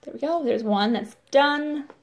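A woman's voice: high-pitched, measured pace. A woman hosting a casual live makeup demo, chatty and filling her talk with "like" and "totally". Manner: chatty, says "totally" and "like" often.

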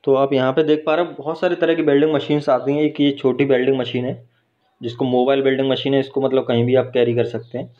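This workshop teacher speaks quickly in a flat, mid-range voice, explaining a welding job one step at a time and dropping in "ठीक है" and "है ना" to check understanding. The phone held while filming gives a dull, lo-fi sound.

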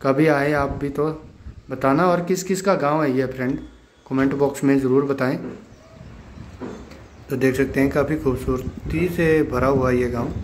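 A village vlogger from the Himachal Pradesh hills in northern India narrates casually, showing viewers around and repeatedly pointing things out as if to friends. His mid-range voice is steady and moderately paced, with a little hiss or hum.

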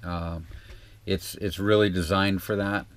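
A man's voice: low-pitched, fairly even intonation, a little slow. A man giving a casual, hesitant, rambling how-to talk inside a small trailer, as a vlog host. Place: small RV interior.

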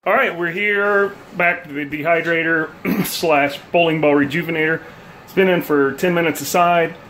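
A bowling hobbyist vlogger in his thirties shows off a homemade gadget in his home kitchen, thinking aloud with lots of ums and uhs. His voice is a little high and fairly bright, with fairly even intonation and a moderate pace. The phone recording him is held at arm's length and picks up a little hiss or hum.

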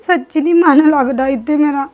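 A woman's voice: high-pitched, steady tone, fairly quick, darkish tone, soft background music, natural voice. A young woman with a Punjabi accent acting a tearful, pleading young wife. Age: young adult.

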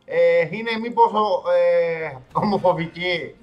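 A man streaming a game live, commenting casually as he plays and swinging from loud outbursts to low mutters. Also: muffled recording, faint music behind.

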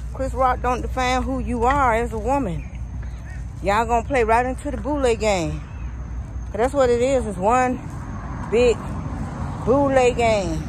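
A middle-aged American man giving a casual, emphatic, repetitive monologue while walking outdoors, recorded on a phone at arm's length. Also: high voice. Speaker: vlogger. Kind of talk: casual walk-and-talk monologue. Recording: outdoor phone recording with faint ambient noise. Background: faint outdoor ambience.

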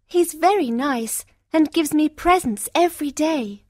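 A woman reading a storybook aloud and voicing Beauty, a gentle, kind young woman with a sweet, bright voice. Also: sits high, a little slow, no echo, clean studio sound, pitched above the performer's own voice. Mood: cheerful.

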